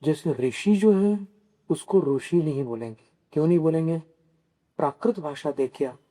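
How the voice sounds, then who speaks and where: A man giving a scripture sermon as a monk, teaching slowly, asking his listeners questions and carefully spelling out how words are pronounced. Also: on the high side, mellow. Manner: slow, teaching, poses questions to listeners and answers them. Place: Kolhapur.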